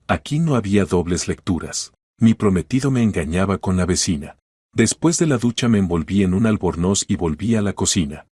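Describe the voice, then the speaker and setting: A man narrating a scripted first-person story in a steady, even storytelling delivery. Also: low-pitched, breathy edge, no room sound, studio quality.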